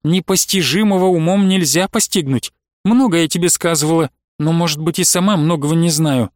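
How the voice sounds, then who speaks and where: Male narrator playing a devout young woman, earnest and rapt, high voice, dry close sound. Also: a little fast, no room sound, natural voice. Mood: earnest rapturous. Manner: rapturous, quietly earnest.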